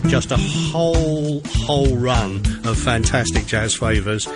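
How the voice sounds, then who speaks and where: A man's voice: mid-range voice, loud music behind the voice. Chatty radio DJ, man. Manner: chatty, enthusiastic, many "uh" pauses. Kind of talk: casual radio presenting.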